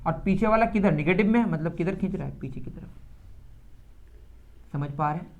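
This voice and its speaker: A man's voice: high voice, a little fast, highs cut off. A man with an Indian accent teaching a physics lesson, who asks his students questions and then answers them himself. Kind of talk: classroom lecture.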